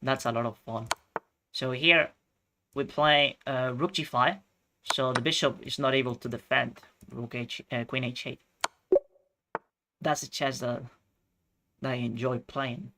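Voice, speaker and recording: A man from Chile streaming chess, thinking out loud through his moves and chatting with viewers. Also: medium pitch, fairly even intonation, measured pace, pauses often, noisy background. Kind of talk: live-stream commentary.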